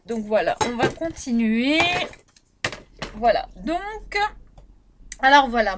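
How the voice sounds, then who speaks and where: A woman from Réunion talks through her used-up beauty products in an easygoing vlog. She speaks at a slow, unhurried pace and keeps stopping to search for her words. She often restarts her sentences and fills the gaps with small hesitations. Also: a little high, heavy background noise. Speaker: beauty vlogger. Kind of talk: casual product review.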